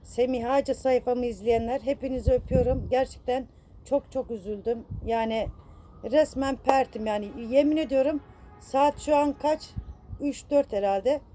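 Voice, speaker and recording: Upset high-voiced woman vlogger. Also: fairly even intonation, normal speed, warm tone, slight background noise. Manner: upset, rambling, self-reproaching, many fillers; affectionate toward viewers. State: distressed. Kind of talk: casual vlog apology to viewers.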